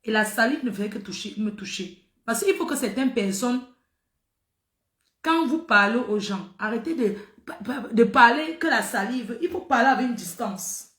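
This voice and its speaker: Animated, bright-voiced middle-aged woman storyteller. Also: a little high, moderate pace, reverberant. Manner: animated, emphatic, repeats phrases for effect. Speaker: social media personality. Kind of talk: casual storytelling to viewers.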